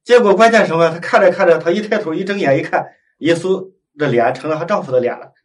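A man's voice: a little high, quick pace. Man telling a prayer story from a distance. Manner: retells dialogue in lively acted-out quotes. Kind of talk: storytelling in conversation.

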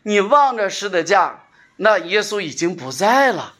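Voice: medium pitch, big pitch swings, unhurried, a bit bright. A preacher giving an earnest sermon to a congregation, repeating phrases for emphasis, asking rhetorical questions and calling for responses.

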